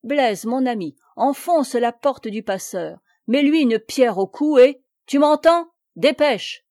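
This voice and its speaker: An arrogant nobleman captain barks his orders in a slow, deliberate, mellow voice, read aloud by a woman. He sounds haughty and used to command. The sound is close and dry. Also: fairly high pitch, animated, dry recording.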